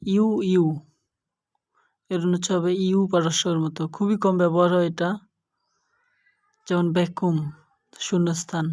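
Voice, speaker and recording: Woman teacher, kinda low voice, talks real slow n careful. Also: level tone, a little mellow. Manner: slow, careful listing of letter pairs. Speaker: English teacher. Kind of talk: slow spoken lesson.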